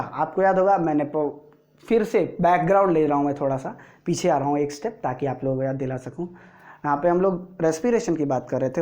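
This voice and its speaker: A male teacher with an Indian accent, giving a slow board lesson to school students and checking often that they follow. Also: a little high, a little mellow. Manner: explains slowly, drawing as he speaks, keeps checking understanding.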